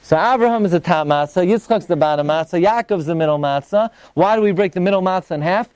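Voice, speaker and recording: High-pitched man teaching Torah. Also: fast, a little mellow, clear, resonant tone, no echo. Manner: question-and-answer delivery, emphatic. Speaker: rabbi giving a religious class. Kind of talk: animated Torah lecture.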